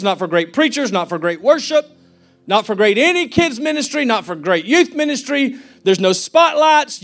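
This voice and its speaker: A man's voice: very high-pitched, fairly bright tone. A man preaching a fervent sermon as a pastor, acting out the people he quotes.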